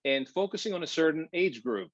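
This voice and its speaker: A man interviewing a guest, asking long questions with halting, hesitant phrasing over a video call. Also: on the high side, animated, no room sound, lo-fi sound.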